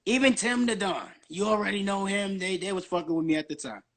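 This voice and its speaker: A man in his early twenties talks on a casual live stream in a strikingly high voice with a bright, forceful edge. He keeps up nonstop, rambling chatter. His wording is slangy and heavy with swearing. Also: fairly quick. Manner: profane, slangy. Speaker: guest on a social media live stream. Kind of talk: casual livestream monologue.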